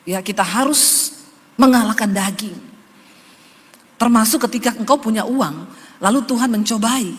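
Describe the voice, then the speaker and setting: High-voiced woman preaching in a reverberant hall. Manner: emphatic, conversational preaching that keeps addressing the congregation. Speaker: pastor. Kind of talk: sermon.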